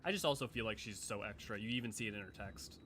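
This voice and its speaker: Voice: mid-range voice, quick pace, a bit bright, slight background noise. A streamer who does character voices, chatting casually while playing a game. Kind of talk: casual game livestream chat.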